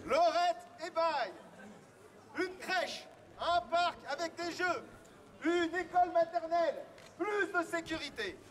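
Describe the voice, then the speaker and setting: A man cries out like a town crier in a very high, projected voice. He declaims public notices and messages line by line. He is recorded out in an urban street, with a crowd audible around him. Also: animated, slow. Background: crowd and street sounds.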